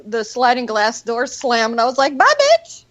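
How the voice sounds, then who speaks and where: Middle-aged woman co-hosting, loud and projecting, swears a lot, kinda high voice, muffled audio. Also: steady tone, moderate pace. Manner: loud, projecting, profane storyteller. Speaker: show co-host. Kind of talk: casual chat.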